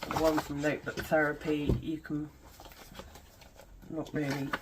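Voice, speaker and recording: A woman with a low voice presents items in a casual unboxing style. She takes her time, yet sounds excited and breathy as she exclaims. There is clear background noise on the recording. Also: measured pace. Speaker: unboxing video host. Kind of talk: casual product unboxing commentary.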